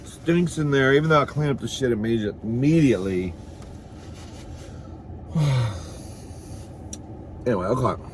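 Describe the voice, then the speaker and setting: A man with a mid-range voice speaks unhurriedly and pauses often, over a little hiss or hum. As host of a comedy mukbang vlog, he eats while chatting casually and comically to camera in a campy, sassy, bawdy manner, calling listeners "girl" and "honey" and swearing freely.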